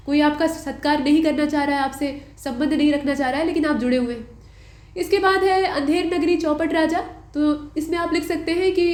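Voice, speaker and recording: A woman's voice: sits high, darkish tone. A young adult woman teacher walking through exam answers in a patient lesson, repeating key points. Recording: roomy echo.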